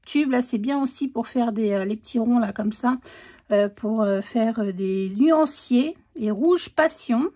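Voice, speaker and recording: A woman's voice: on the high side, unhurried, mellow. A woman presenting a craft stamp collection in a casual unboxing, hesitant, with many fillers, reading the stamp words out as a list. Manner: reads out stamp texts as a list. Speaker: crafts vlogger.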